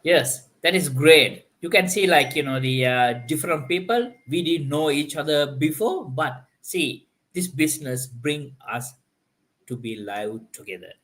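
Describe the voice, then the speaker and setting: A man hosts a live-stream panel chat, talking loosely with lots of filler, repeating "like, you know" and frequently restarting sentences. His voice is a little high and somewhat bright, his pace measured, and the audio quality is poor.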